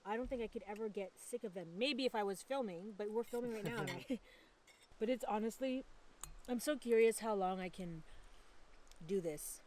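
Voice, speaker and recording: A woman's voice: mid-range voice, warm tone, a little hiss or hum. A woman, chatting in an upbeat, casual way on a vlog. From Canada. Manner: chatty, upbeat, quick to laugh. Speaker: vlogger. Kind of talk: casual chat. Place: countryside home, birds around.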